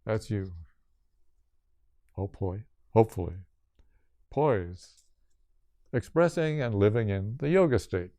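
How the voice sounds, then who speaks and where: Slow-spoken older man teaching yoga. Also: lowish voice, lively intonation, dark tone, dry recording, studio quality. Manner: slow, deliberate, in short listed phrases. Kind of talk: spiritual talk.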